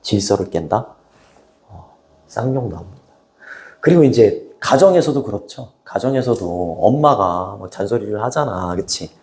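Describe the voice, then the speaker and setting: A man giving a classroom lesson, talking easily and informally. His voice is mellow and dark. He keeps checking in with his students through short questions. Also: fairly low pitch, lively intonation, moderate pace. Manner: casual, chatty, asks students rhetorical questions. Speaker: English teacher. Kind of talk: classroom lecture.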